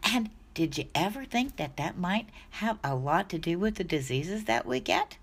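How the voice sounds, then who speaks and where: A woman in her sixties talks casually to camera about dog health, chatty and rambling, often restarting her sentences and correcting herself. Her lowish voice is husky and expressive, and she speaks at a moderate pace.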